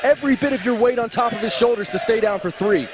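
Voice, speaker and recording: A man working as a wrestling color commentator, giving excited, emphatic and earnest analysis of the match. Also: very high-pitched, fast talker, background noise. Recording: loud arena crowd and music behind. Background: cheering crowd and music.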